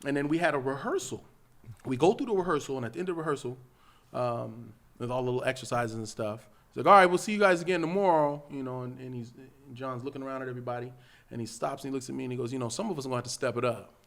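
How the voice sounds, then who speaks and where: A man with a Los Angeles accent, a podcast guest telling an animated story and acting out the quotes. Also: mid-range voice, rapid-fire, vocal fry. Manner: lively, acts out quotes, loud and laughing at the peaks.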